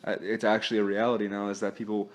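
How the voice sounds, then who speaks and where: A man's voice: lowish voice, level tone, rapid-fire. A man hosting a casual sports talk podcast, chatty and easygoing, laughing often and using plenty of fillers. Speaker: podcast host.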